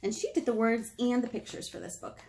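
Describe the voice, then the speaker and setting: Fairly high-pitched with lively intonation and vocal fry, her darkish voice moves fairly quickly over a little hiss or hum. The speaker, an American woman in her thirties, is a children's librarian hosting storytime, asking young listeners questions in simple phrases from a small room with a painted wall.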